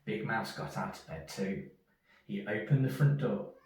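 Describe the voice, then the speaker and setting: A man reading a children's story aloud in an expressive storyteller's manner. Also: lowish voice, unhurried, noisy background. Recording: echoey room, distant from mic.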